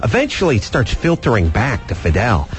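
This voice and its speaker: Animated joking talk show host, man. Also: medium pitch, fairly quick, soft background music. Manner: joking, riffing on outlandish schemes. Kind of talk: comedic talk show banter.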